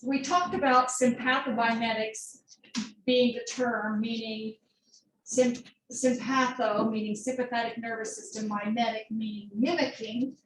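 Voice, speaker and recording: A woman's voice: on the high side, steady tone, measured pace, slight background noise. Woman, nursing instructor, casual lecture style, fillers and asides, roomy distant classroom recording. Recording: roomy classroom audio from far off.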